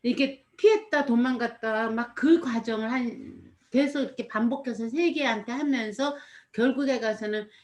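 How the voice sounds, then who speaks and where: Woman chatting in a higher voice. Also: normal speed, few pauses, darkish tone. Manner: rambling, full of "이렇게" fillers. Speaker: storyteller recounting a performance. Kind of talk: casual chat.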